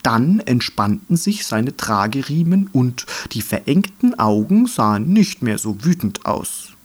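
A man narrating a children's storybook in an expressive, lively manner. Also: mid-range voice, a little slow. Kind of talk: storybook reading.

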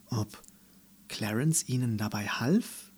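A man narrating a children's storybook in a calm, unhurried reading voice. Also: mid-range voice, breathy edge.

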